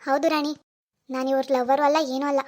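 A woman voicing a young hired actress in a cartoon, calm, frank and matter-of-fact. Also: high voice, normal speed, close to an everyday voice. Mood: explaining. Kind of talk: animated cartoon dialogue.

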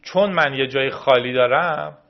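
Medium-pitched with some vocal fry, the voice of this Iranian tech video host comes through on dull audio. He's casually narrating a screen-recorded tutorial, chatting over each step as he navigates the menus.

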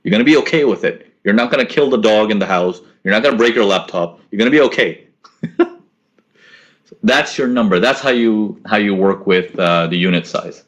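A young forex trading webinar host, raised in Korea and the US, talks at a normal speed in a fairly low-pitched voice. Broadcasting live from a small room at home, he takes questions from the chat with an easygoing coaching manner and frequent repetition. His laptop webcam mic on the video call carries the audio.

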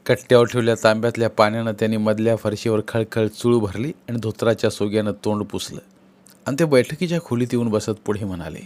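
Guy reading a village story out loud, audiobook narration, steady and expressive. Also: fairly low pitch, quick pace.

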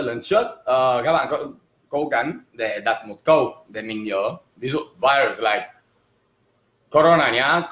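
A man teaching English on a livestream, slowly drawing out words so viewers can repeat the pronunciation. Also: medium pitch, fairly bright tone. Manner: slow, drawn-out words for drilling pronunciation. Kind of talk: livestream language lesson. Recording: echoey room.

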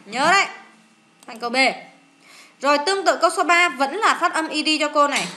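A woman English teacher with a Vietnamese accent, going through exam answers in a lively, coaxing way, asking questions and answering them herself. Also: high voice, brisk. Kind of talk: classroom-style lesson explaining an exam.

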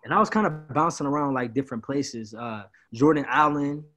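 A man in his twenties, a party promoter from Peoria, Illinois, does a casual interview on a video call from a small room at home. He's laid-back and rambling, often saying "bro," and his medium-pitched, fairly bright voice moves at a fairly quick clip.

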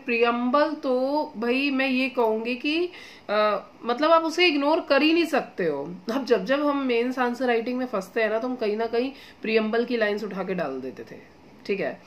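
A woman exam-coaching teacher giving casual study advice, chatty and encouraging, often checking in with her students and mixing English phrases into her talk. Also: a little high. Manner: chatty, addresses students as beta and guys, mixes English phrases; repeats "theek hai" as a check-in.

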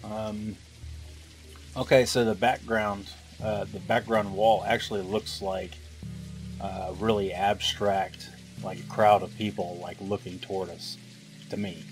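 Over game music, a man gives let's play commentary in a fairly low, flat voice at a measured pace. He thinks aloud while puzzling through the game and drops wry asides.

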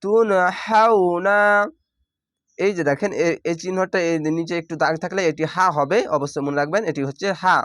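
A man teaching Quran reading, spelling out each syllable and then drawing the word out slowly. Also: fairly high pitch, a bit bright, no room sound, studio quality. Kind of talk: step-by-step spelling lesson.

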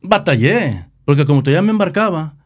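A man's voice: a little high, very animated, fast talker, dry recording, studio quality. A middle-aged man with a Nayarit Mexican Spanish accent, founder of a band, telling his story in a casual interview, rambling and repeating words.

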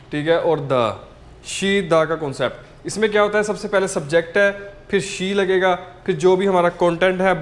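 Patient man teaching vocabulary, high voice. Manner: patient, repeats each word several times. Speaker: language teacher. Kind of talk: spelling out and repeating vocabulary for learners.

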